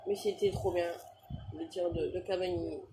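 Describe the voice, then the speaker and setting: A young French man commentating a football video game he is playing, rattling off player names and shouting at big chances. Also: high-pitched, fairly even intonation, moderate pace, slight background noise. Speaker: gaming YouTuber.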